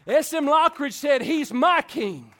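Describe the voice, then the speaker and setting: A man preaching a sermon in rhythmic, repeating phrases, asking the church for amens and swinging from loud build-ups to quiet, intimate talk. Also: very high-pitched, expressive, unhurried, some chatter behind. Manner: rhythmic repetition with call-and-response asides. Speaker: pastor.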